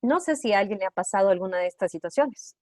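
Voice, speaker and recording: A woman's voice: mid-range voice, expressive, darkish tone, no room sound, clean studio sound. A woman leading an online workshop over a video call, putting one question after another to her audience. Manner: asks rapid rhetorical questions to the audience. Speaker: trauma-informed care workshop facilitator.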